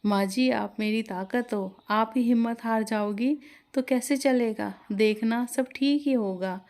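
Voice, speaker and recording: A woman's voice: fairly high pitch, unhurried, a little mellow. A woman voicing a struggling but determined young chaat seller in a storybook tale, speaking earnestly. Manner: earnest, pleading.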